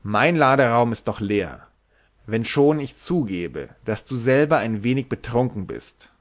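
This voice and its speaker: A man's voice: medium pitch, animated, unhurried, natural voice. A man voicing a short, drunken sailor who is brash, giggly and rambling.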